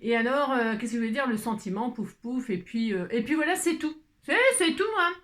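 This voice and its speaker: A woman's voice: on the high side, fairly quick, reverberant. A French woman chatting in a rambling way, talking to herself as she leads a crafting tutorial at home. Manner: rambling, talks to herself, many "hein"s. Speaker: crafting vlogger.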